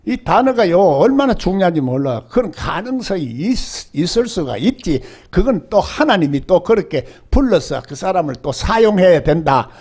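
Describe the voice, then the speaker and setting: A man's voice: high voice, big pitch swings, normal speed, few pauses, a little mellow, breathy edge. An older male pastor with a Gyeongsang Korean accent, preaching a sermon and often asking the congregation rhetorical questions.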